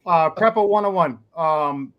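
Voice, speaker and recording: An easygoing man hosts a livestream panel and talks in a calm, steady way. His voice sits a little above the usual pitch for a man. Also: a little slow, lo-fi sound. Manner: calming, easygoing. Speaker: panel host.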